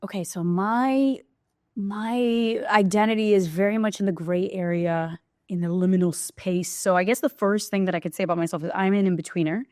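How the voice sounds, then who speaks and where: A Brazilian woman appears as a podcast guest, reflecting openly on her life in a casual interview chat and telling her story frankly. Her medium-pitched voice is a little mellow, with fairly even intonation and a normal pace, recorded cleanly in a studio with no room sound.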